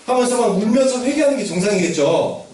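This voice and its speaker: A man's voice: extremely high pitch, expressive, quick pace, a little mellow, distant mic. A man telling a Bible story to children as their Sunday school teacher, asking them questions and acting out the characters' lines. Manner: asks children questions, acts out quotes. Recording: very echoey room, voice from afar.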